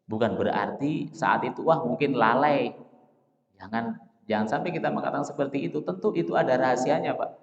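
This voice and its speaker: A male teacher gives a dawn study lecture in a mosque, his voice ringing with a long hall echo. He talks straight to the congregation, poses questions and answers them himself, and slows down to recite example phrases. The recording has a dull, muffled lo-fi tone. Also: medium pitch, gravelly. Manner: addresses listeners as Pak, Bapak Ibu. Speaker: Islamic teacher.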